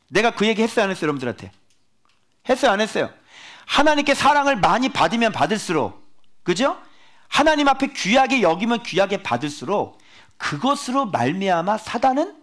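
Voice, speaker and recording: A male pastor giving a sermon, emphatic and animated, with many rhetorical questions to the congregation. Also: sits high.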